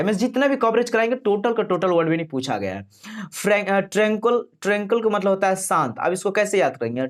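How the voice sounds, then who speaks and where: A young man teaching an exam-prep vocabulary lesson. He explains with memory tricks and asks and answers his own questions. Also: sits high.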